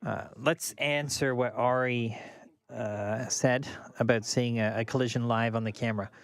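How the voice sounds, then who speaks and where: A young radio traffic reporter rambles casually on a live stream, reading viewer questions between on-air traffic reports. His medium-pitched voice keeps a fairly even intonation at a moderate pace, with no room sound.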